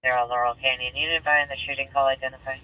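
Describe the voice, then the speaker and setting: A man's voice: mid-range voice, flat delivery, quick pace, bright, forceful tone. A man on a police scanner radio, reading clipped dispatch codes and unit numbers. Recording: distant scanner playback, faint noise.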